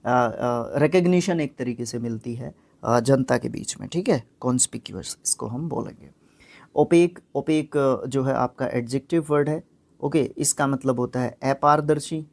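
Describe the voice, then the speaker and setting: A man giving a vocabulary lesson, patiently explaining word meanings. His voice sits at an ordinary middle pitch, and he repeats and sounds out difficult words piece by piece, dropping in brief fillers as he goes. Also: darkish tone. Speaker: vocabulary teacher.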